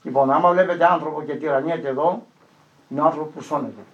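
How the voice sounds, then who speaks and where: A man's voice: a little high, dull audio. An older man, a priest, preaching and telling a story with acted-out quotes. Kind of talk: sermon.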